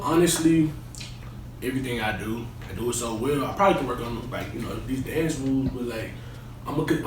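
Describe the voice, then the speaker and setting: A man's voice: mid-range voice, a little mellow, lightly acted. A young man playing a resident assistant in a comedy skit interview, talking colloquially about himself. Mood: cocky, boastful. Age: young adult. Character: young male resident assistant, cocky and boastful or earnest. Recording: echoey room, distant mic, noisy.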